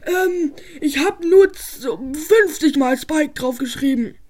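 A girl voicing a dim, boastful little male cactus pupil who protests in slow, whiny tones in a toy-figure story game. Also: high-pitched, animated, darkish tone. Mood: whiny denial.

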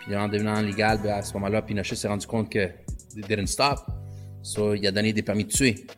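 A man's voice: on the low side, level tone, a little fast, faint music behind. A man with a Quebec French accent telling his story in a casual conversation, slipping English slang into his French. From Canada. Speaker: guest.

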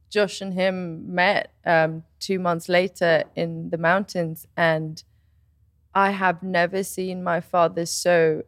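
Animated and quoting others, a twentysomething woman recounts something that happened to her, her voice jumping up high and loud in excited moments. The recording is close and dry with no room sound at all.

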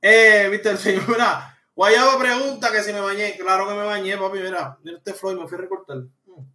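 A man's voice: high voice, normal speed. A man hosting a live-stream podcast, ranting and joking in slangy casual talk. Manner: joking, animated, slangy rants. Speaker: podcast host reading live chat. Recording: echoey room.

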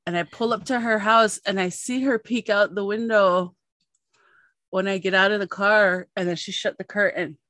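A woman journalist hosting a podcast, telling a funny work story in casual chat. Her voice sits at a middle pitch and she acts out the people she quotes. The sound is close and dry, with no room echo. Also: fairly even intonation, moderate pace, fairly bright tone.

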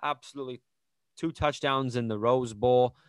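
Clear-voiced man hosting sports talk. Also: medium pitch, fairly even intonation, normal speed, no echo, clean studio sound. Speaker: sports podcast host. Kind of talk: casual sports commentary chat.

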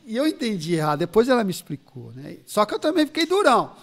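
High, lively Brazilian pastor with gravelly edge. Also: male voice, a little fast. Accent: Brazilian Portuguese, São Paulo interior. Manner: animated, laughs while telling stories. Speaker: pastor, podcast guest. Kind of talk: casual storytelling chat.

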